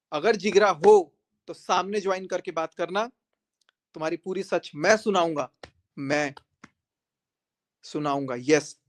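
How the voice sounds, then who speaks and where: A man on a live stream, speaking confrontationally and repeating himself as he calls a rival to join him. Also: fairly high pitch. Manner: confrontational, repetitive, addressing viewers directly. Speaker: livestreamer.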